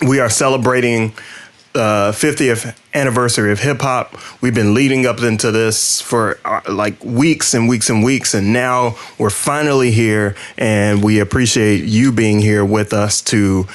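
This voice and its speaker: A man with a slightly low voice hosts a casual podcast. He lays out the episode plan in loose, rambling explanations. He keeps an easy, chatty tone. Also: fairly even intonation, unhurried. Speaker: podcast co-host.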